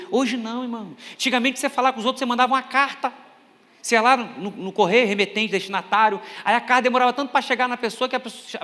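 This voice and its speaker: A middle-aged Brazilian man preaching a humorous sermon, telling anecdotes in an animated, joking way. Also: very high voice. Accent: Brazilian Portuguese. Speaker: pastor. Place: large church hall. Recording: echoey church hall with long reverb.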